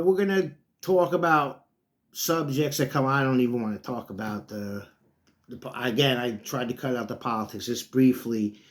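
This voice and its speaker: A middle-aged man talks casually to his viewers in a mid-pitched, everyday voice. He rambles from one topic to the next and keeps calling his listeners folks. The monologue sounds unscripted. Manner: chatty, folksy, drifts between topics, often calls listeners folks. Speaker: host of his own sports talk channel.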